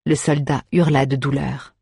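A woman reading a fantasy story aloud in a steady, measured way. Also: rumbling low, vocal fry, breathy edge, no echo, studio quality. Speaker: audiobook reader. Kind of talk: scripted fantasy narration.

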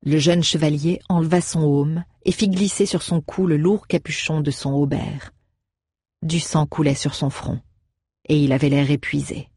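A man reading a fantasy novel aloud in steady, measured narration. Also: fairly high pitch, breathy edge, dry recording, studio quality. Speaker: audiobook narrator. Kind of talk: audiobook narration.

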